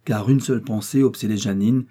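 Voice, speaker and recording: A man narrates a novel for an audiobook with measured, even storytelling. His voice is low and dark, with a husky grain.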